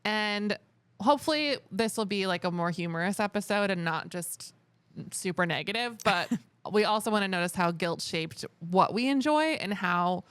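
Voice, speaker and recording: A woman's voice: mid-range voice, expressive, moderate pace, a bit bright, clear, resonant tone, dry recording. A young adult woman co-hosting a podcast in casual chat, wry and steering the topics with questions. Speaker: podcast co-host.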